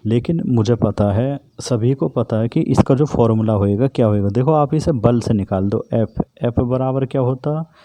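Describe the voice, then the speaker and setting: A man's voice: medium pitch, warm tone, dry recording. A man teaching an exam-prep physics lesson, who keeps asking questions and answering them himself. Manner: repetitive, asks and answers own questions.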